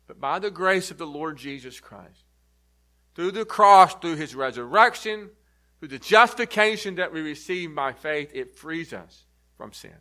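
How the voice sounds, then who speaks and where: A man preaching a sermon, emphatic and building to forceful repeated stresses. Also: a little high, lively intonation, unhurried.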